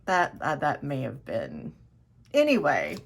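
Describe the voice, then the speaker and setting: A woman's voice: a bass voice, wildly swooping pitch, slow pace, vocal fry, breathy edge. A woman hosting her own tarot video, chatting casually and enthusiastically, often restarting her sentences as she rambles. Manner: rambling, self-correcting, enthusiastic. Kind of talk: casual chat to camera.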